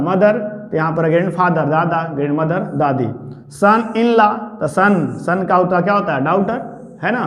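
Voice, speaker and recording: A man's voice: sits high, fairly bright tone. A man teaching grammar in a lecture style, posing questions and answering them himself. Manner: addresses listeners familiarly as "babu". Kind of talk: explanatory classroom lecture. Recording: echoey room with long reverb.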